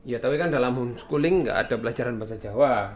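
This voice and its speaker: A man's voice: mid-range voice, fast talker. A young man with an East Javanese accent hosting a casual chat. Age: young adult. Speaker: host, interviewing parents. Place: small home room indoors, camera mic. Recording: echoey room with background noise.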